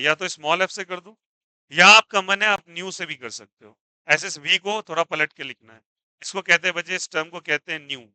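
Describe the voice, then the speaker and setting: A male physics teacher with a fairly high, very bright and crisp voice, recorded close and dry. He lectures in a mix of Hindi and English, firing questions at his students and supplying the answers himself. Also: no room sound. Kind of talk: classroom lecture.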